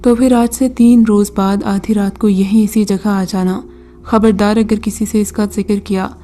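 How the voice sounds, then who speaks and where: A woman's voice: mid-range voice, fairly even intonation, dark tone, faint music behind, lightly acted. A woman voicing a mocking old male jinn who gives scornful, brusque commands in a storybook reading.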